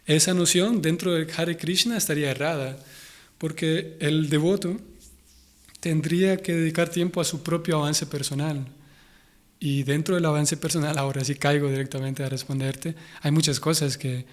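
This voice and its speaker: His voice is on the high side and steady, moving at a normal speed. The young man, a Hare Krishna devotee with a Honduran Spanish accent, is a guest in a conversational interview, thoughtfully restarting often as he looks for words.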